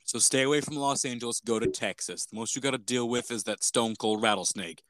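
A man's voice: mid-range voice, a little fast, a bit bright, dry recording. A man co-hosting a podcast, riffing playfully on jokes in casual banter. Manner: jokey, playful, riffing on gags. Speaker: podcast co-host.

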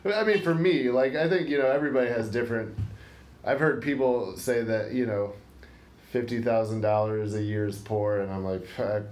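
A man's voice: medium pitch, moderate pace, a little mellow. A young man co-hosting a podcast, chatting casually in a rambling, hesitant way with lots of fillers. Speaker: podcast co-host. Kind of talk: casual chat. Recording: roomy room, faint hiss.

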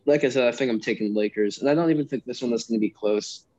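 A man's voice: mid-range voice, fast, a little mellow. A young American man co-hosting a casual sports chat, giving his picks, on dull lo-fi audio. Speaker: sports talk co-host.

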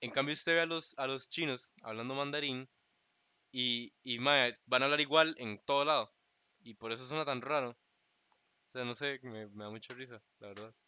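A man's voice: mid-range voice, normal speed, pushed and bright, smooth, dry recording, dull audio. A man with a Costa Rican accent co-hosting a podcast, chatting casually in loose slang and often laughing mid-sentence. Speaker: podcast co-host. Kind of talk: casual chat.

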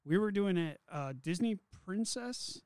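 A middle-aged man co-hosting a casual chat, telling stories in a lively, self-mocking way. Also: high voice, unhurried, smooth, dry recording. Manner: animated storyteller, playful and self-mocking. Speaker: podcast co-host.

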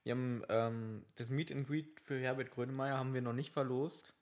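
Young male co-host, loose rambling banter, stumbles and restarts, quick to laugh. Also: mid-range voice, fairly even intonation, a little mellow. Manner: rambling, self-correcting, laughing often. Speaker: podcast co-host. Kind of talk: casual banter.

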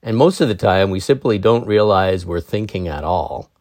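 A man with a fairly low voice reads a meditation article aloud, then talks it over with calm, gently wry asides. He sounds close and dry, as if he were in a small treated booth. His delivery is measured and reflective. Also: no room sound. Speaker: meditation podcast host.

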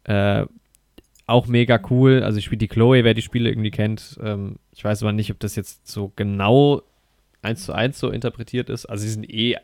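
A man's voice: lowish voice, fairly even intonation, a little fast, creaky, darkish tone, no room sound, clean studio sound. A man chatting casually while reviewing a film on a podcast, rambling with many fillers and restarts and enthusiastic slang.

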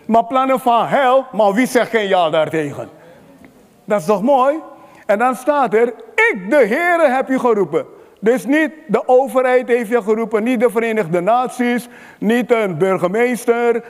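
A man preaching a fervent sermon, calling for amens from the congregation and building to shouts. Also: very high-pitched, big-room sound. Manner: fervent, rises to shouting at climaxes.

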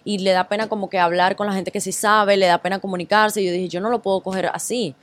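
A woman with a Cuban accent, a guest in a casual interview, telling her story lively and mixing English words into her Spanish. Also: mid-range voice, quick pace, no room sound. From Cuba.

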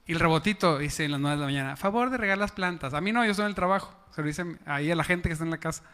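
A man's voice: a little high, racing, a bit bright, clear, resonant tone, long reverb tail. A man preaching a sermon as pastor, chatty and often asking the congregation questions. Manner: conversational, asks the congregation questions. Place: church.

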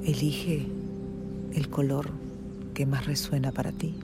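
A soothing guided meditation narrator speaks at a very slow pace, as in a sleep story. The voice is hushed and medium in pitch, with long pauses between short phrases. Music plays clearly behind the words. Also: little pitch movement.

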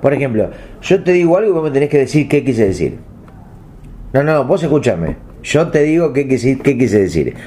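A man with a Rioplatense Spanish accent, co-hosting a comedy talk show with deadpan, absurd storytelling. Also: mid-range voice, moderate pace, slight background noise. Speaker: co-host. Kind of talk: casual comedic banter.

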